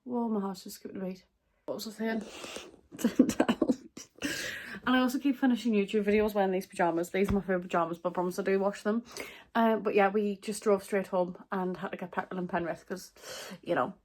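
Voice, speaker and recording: A woman's voice: mid-range voice, fairly even intonation, a little fast, a little mellow. A woman chatting casually and rambling as she vlogs on a handheld camera. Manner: chatty, rambling, laughing asides. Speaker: vlogger. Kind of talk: casual vlog chat. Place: outdoors by a lake. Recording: outdoor noise.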